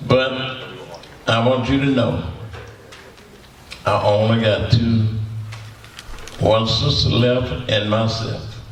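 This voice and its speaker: A man's voice: mid-range voice, steady tone, slow, long pauses, a little hiss or hum. A man, a blues musician telling rambling stories to an audience, repeating words and chuckling as he goes. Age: 80s. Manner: folksy, repetitive, chuckling storyteller. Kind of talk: storytelling to an audience. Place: symposium hall. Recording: echoey room from far off.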